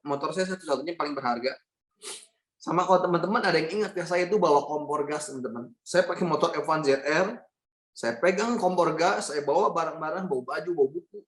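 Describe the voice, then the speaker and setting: Man telling his life story in an echoey room. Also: fairly high pitch. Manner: storytelling, addresses audience as friends, acts out dialogue. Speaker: motivational speaker. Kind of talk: personal testimony talk.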